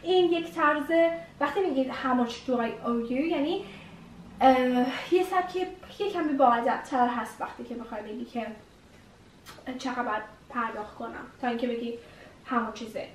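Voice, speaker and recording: A woman's voice: sits high, far from the mic, a little hiss or hum. A woman teaching English vocabulary, repeating each new word several times as she explains it. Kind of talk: vocabulary lesson. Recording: echoey room, voice a bit off-mic.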